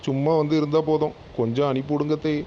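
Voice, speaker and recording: A pleading son-in-law in a cartoon, voiced by a man, talking fast and coaxingly in a slightly raised voice. The audio is dull and lo-fi with a faint hiss. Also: a little high, flat delivery, natural voice. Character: pleading son-in-law, eager to bring wife home.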